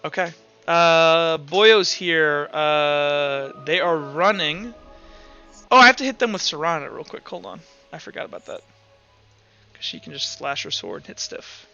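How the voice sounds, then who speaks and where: Running a tabletop game as its game master, a man improvises the action and thinks out loud along the way. He speaks at a measured pace in a fairly high, forward voice that is bright and clean, with some vocal fry. The recording is slightly dull, with faint music underneath.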